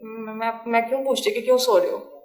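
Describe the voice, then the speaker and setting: A woman, her voice sitting high. She recounts events to an interviewer in a halting way, repeating herself and restarting often. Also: fairly even intonation, darkish tone.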